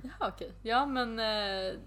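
A woman's voice: on the high side, fairly bright tone. A young woman co-hosting a casual podcast chat, telling a funny dating story with lots of laughter and quoting messages in English. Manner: giggly storyteller, acts out chats in English. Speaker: podcast co-host.

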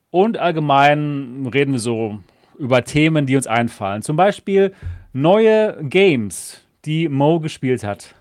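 A man's voice: mid-range voice, darkish tone, dry recording, clean studio sound. A man hosting a podcast, introducing the topics and guest in upbeat casual chat with fillers. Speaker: podcast host.

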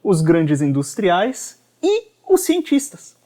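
A man hosting a podcast, explaining ideas thoughtfully and pausing to repeat words as he thinks. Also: high voice, huge pitch swings, dark tone. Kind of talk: casual discussion.

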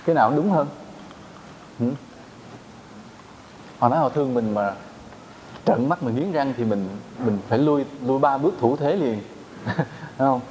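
A man's voice: mid-range voice, moderate pace, long pauses, mellow, slight background noise, poor audio. A man, a Buddhist monk giving a dharma talk to fellow monks, teaching in a plain conversational way with rhetorical questions.

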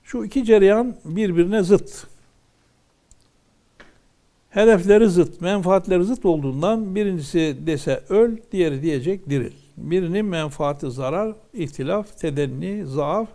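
A man teaching from a religious text in a slightly high voice with a gravelly edge. He reads ornate old wording aloud, then explains each phrase in plain words, at the measured pace of a lesson. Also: warm tone.

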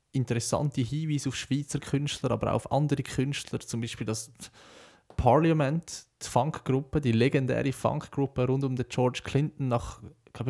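A young Swiss German-accented man, a podcast host and broadcaster intern, delivers a casual, reflective monologue. His mid-range voice is gravelly with a darkish tone.

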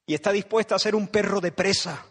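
A man's voice: sits high, fairly even intonation, a little fast, fairly bright tone. A man from preaching a sermon, dramatic and emphatic, repeating phrases and acting out voices from the story.

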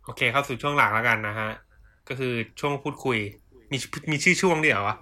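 A young man with a bright, forceful voice hosts a loose chat with friends. He jokes around in crude slang and tacks mock-formal sign-offs onto the ends of his bits. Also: mid-range voice, fast. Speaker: podcast host. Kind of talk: casual chat among friends.

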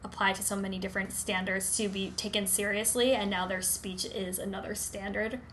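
A woman's voice: mid-range voice, level tone, brisk, fairly bright tone, a little hiss or hum, low-quality recording. A young adult woman co-hosting a podcast, telling stories casually and peppering her talk with "like". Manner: frequent "like" as filler. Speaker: podcast co-host. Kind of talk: casual chat and storytelling.

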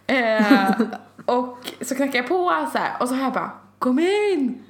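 A young woman co-hosting a podcast, telling stories in blunt casual chat and acting out quotes. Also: fairly high pitch. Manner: blunt, swearing, animated storyteller who acts out quotes. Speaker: podcast co-host. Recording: echoey room.

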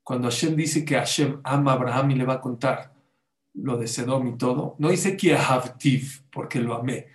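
Heard with plenty of reverb, a man speaks at medium pitch and a moderate pace. Acting as a religious teacher, he gives a sermon-style address, quoting Hebrew sources and putting rhetorical questions to the audience.

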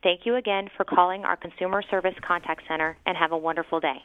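A woman's voice: lowish voice, fast, dry recording. Recorded phone message from a woman. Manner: polite, even, carefully enunciated. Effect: recorded phone message heard over a phone line. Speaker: automated helpline greeting. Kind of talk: scripted phone menu prompt. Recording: tinny phone line.

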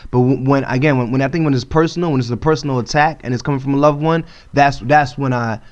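A man's voice: mid-range voice, quick pace. A man co-hosting a podcast in casual debate, laying out his points methodically. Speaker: podcast co-host. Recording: dull lo-fi podcast audio.

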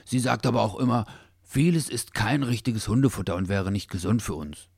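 A man voicing a greedy, dreamy male Labrador mix in a storybook reading, with a drawn-out, longing way of talking. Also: fairly low pitch, vocal fry, a little mellow, dry recording, clean studio sound.

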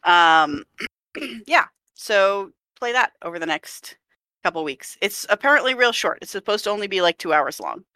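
A woman's voice: mid-range voice, expressive, moderate pace, pushed and bright, no echo, clean studio sound. A woman hosting a game podcast, chatting casually and laughing easily. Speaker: podcast host.

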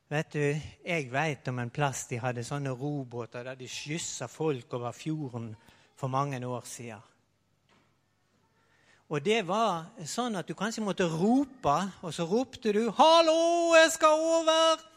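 High, lively man preaching to children. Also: big-room sound. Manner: animated, leads the audience in sound effects; tells the story in first person as a disciple. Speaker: preacher telling a Bible story to children. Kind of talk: lively storytelling sermon for children.

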